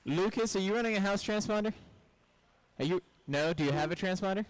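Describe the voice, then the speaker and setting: A man announcing a live race at an indoor RC raceway, briskly calling drivers and reading out results. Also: high-pitched, poor audio.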